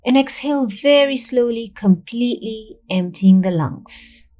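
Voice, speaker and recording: A woman whose voice sits a little high narrates a guided meditation; her delivery is calm, gentle and measured, with lengthy pauses separating the steps.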